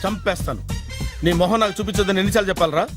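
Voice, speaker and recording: A man's voice: sits high, rapid-fire, natural voice. A man playing a pompous, vain middle-aged boss who barks stiff English orders in a film comedy scene. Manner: bossy, mixes stiff English lines. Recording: film audio with background music.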